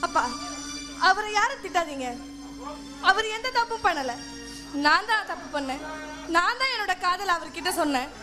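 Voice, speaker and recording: A woman's voice: very high-pitched, expressive, moderate pace, pauses often. A woman acting a defiant young daughter in a village stage drama, pleading with her father in a declamatory way. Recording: stage recording with loud music behind.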